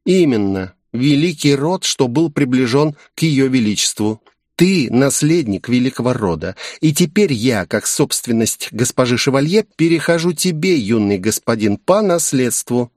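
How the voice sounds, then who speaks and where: A man's voice: medium pitch, expressive, moderate pace, darkish tone, no room sound, clean studio sound, voice pushed up, close to an everyday voice. A man voicing a coy, playful female demon guardian in an audiobook, purring and teasing. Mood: eager. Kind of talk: audiobook character voice.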